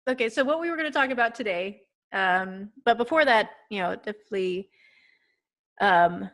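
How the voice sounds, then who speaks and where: A woman's voice: medium pitch, animated, normal speed, fairly bright tone. A woman from Texas hosting a casual podcast chat, chatty and giggly with many fillers. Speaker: podcast host.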